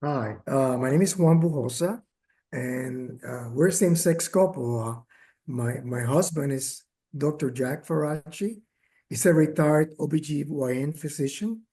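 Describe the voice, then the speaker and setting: A man speaking as a caregiver at a workshop, telling his story with many pauses, fillers and restarts, and growing emotional at times. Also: on the high side, mellow. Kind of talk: personal testimony, remote talk.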